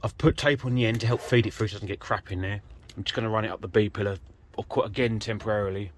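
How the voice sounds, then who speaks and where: This British man talks fast in a lowish voice with a steady tone. An amateur vehicle DIYer and vlogger, he rambles casually into a handheld camera, making fun of himself as he walks through his work in and around an off-road vehicle outdoors. The sound comes from a handheld phone or camera mic and is noisy, with vehicle ambience.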